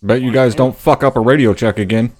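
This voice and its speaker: A man with a blunt, commanding, heavily profane manner, instructing like a gruff military sergeant. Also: medium pitch, steady tone, brisk, darkish tone. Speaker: first sergeant leading radio drill training in an online military game.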